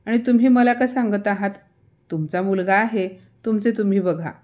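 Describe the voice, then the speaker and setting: A woman voicing a calm, defiant young bride. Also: mid-range voice, moderate pace, natural voice. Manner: calm, dry retorts.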